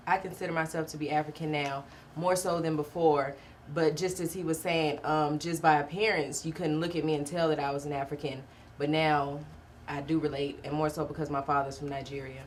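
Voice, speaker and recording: Low, flat-voiced calm woman. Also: brisk, hardly any pauses, slight background noise. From United States. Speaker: guest, project manager. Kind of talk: casual talk show conversation.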